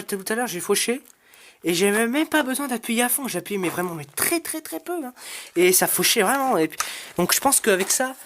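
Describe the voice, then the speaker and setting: This high-pitched man with a fairly bright tone hosts a casual vlog reviewing his brush cutter. He's chatty and frank, calls his viewers "guys," and rambles along with lots of hesitations and restarts.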